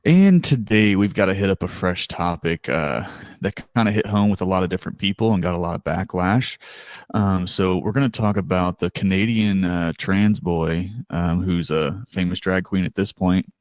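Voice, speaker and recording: Low-voiced man hosting a casual chat. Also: normal speed, no echo, clean studio sound. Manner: chatty, laughs often, hesitant with fillers. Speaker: podcast co-host.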